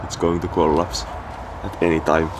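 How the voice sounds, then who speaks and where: A man with a Finnish accent, speaking English as a second language, exploring an abandoned house and thinking aloud in halting, searching phrases. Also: low-pitched, flat delivery. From Finland. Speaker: urban explorer. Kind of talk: casual exploration vlog. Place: abandoned house and garage, indoors. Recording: noisy handheld field recording.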